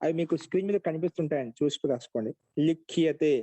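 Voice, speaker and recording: A man teaching Sanskrit grammar in an online class, repeating each rule slowly so students can write it down. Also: a little high, a little mellow, dry recording, rough recording. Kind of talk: dictation-paced online lesson.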